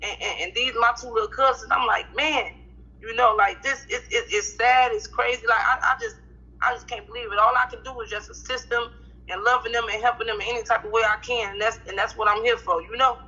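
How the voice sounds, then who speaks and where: A woman's voice: fairly high pitch, fairly even intonation, fairly quick, pushed and bright, husky. A woman in her thirties answering questions in a casual street interview, candid and slangy, often repeating and restarting her words. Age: 30s. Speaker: interview guest, cousin of the family. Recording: lo-fi street recording.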